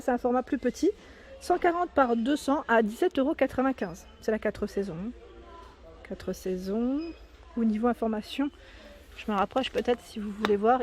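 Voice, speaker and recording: A woman's voice: on the high side, darkish tone. Chatty woman reading store prices. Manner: chatty, reading prices and labels aloud with fillers and self-corrections. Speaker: shopping vlogger. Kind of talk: casual store walkthrough. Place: inside a large discount store.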